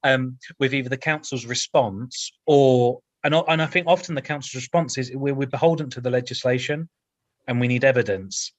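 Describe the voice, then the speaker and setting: A man's voice: mid-range voice, normal speed, no echo, highs cut off. Councillor guy talking at a committee meeting, dry close sound, stumbles and repeats words a lot. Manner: hesitant, repeats words, jokes lightly.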